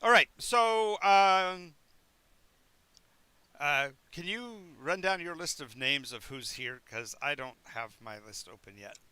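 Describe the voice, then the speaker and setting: Bright, crisp game master man. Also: fairly high pitch, animated, takes it slowly, no echo. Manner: rambling descriptive narration with restarts; chewing while talking. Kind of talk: running a tabletop game on a live stream.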